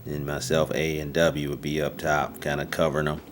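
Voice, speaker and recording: An actor playing a matter-of-fact squad leader describing checkpoint duty. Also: male voice, a bass voice, completely flat delivery, normal speed, slight background noise. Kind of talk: dramatic monologue.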